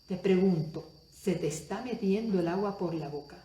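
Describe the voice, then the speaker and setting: A woman preacher delivering a Spanish-language sermon, moving between soft asides and loud exclamations and asking the audience many questions. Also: lowish voice, moderate pace, echoey room, a little hiss or hum.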